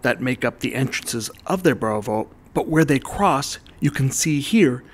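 A man narrating an art history lesson in voice-over, calmly explaining ideas step by step. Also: medium pitch, normal speed. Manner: explanatory, walks the listener through ideas step by step.

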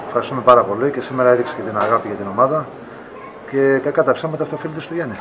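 A man's voice: medium pitch, fairly even intonation, background noise. A man in his thirties, a team captain, speaking frankly and firmly to reporters in an arena corridor after a game. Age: 30s. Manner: frank, firm, pushes back on questions. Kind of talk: post-game interview with reporters. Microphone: reporters' phones held close.

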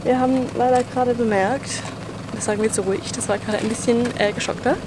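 A woman's voice: on the high side, fairly even intonation, fast talker. A woman in her twenties, a travel vlogger chatting casually to a handheld camera outdoors, often laughing between sentences. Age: 20s. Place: outdoors in the bush by a car. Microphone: handheld camera at arm's length. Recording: outdoor camera audio with clear background noise.

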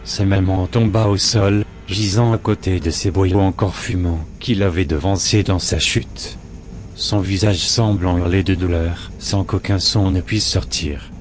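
A man reading a horror story aloud in a measured, grave narration. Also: deep voice, steady tone, soft background music.

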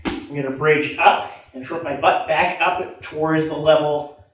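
A man's voice: a little high, fairly even intonation, unhurried. A young man giving instructions as a martial arts coach, talking while he demonstrates movements on the floor. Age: young adult. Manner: physically active, talking while moving on the floor. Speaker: jiu-jitsu instructor. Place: matted martial arts gym room, indoors. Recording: echoey room, distant mic, background noise.

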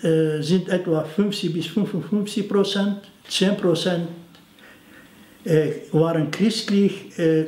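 Speaking to camera from a study in front of bookshelves, this older interviewee has a high-pitched, darkish voice in an echoey room. He comes from Turkey near the Syrian border and grew up speaking Aramaic. His explanations are halting, with frequent fillers and non-native grammar.

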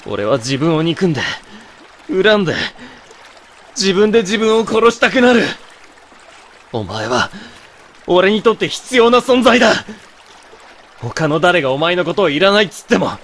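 A man's voice: high voice, big pitch swings, moderate pace, long pauses, fairly bright tone, a little hiss or hum. A man voicing a young boyfriend in an ASMR situation drama, remorseful, brusque yet tender and protective, talking bluntly and intimately as in pillow talk. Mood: desperate, pleading.

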